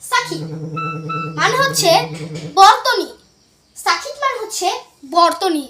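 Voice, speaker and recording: A woman teaching English pronunciation, spelling out words letter by letter and repeating them slowly. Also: extremely high pitch, animated, pushed and bright, reverberant, a little hiss or hum.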